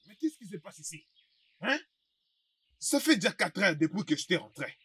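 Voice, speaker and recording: A man's voice: high-pitched, very animated, moderate pace, fairly bright tone, husky, full character voice. A man voicing an anxious husband in a French film dub, speaking in a questioning, concerned way. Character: adult husband, anxious and protective of his pregnant wife.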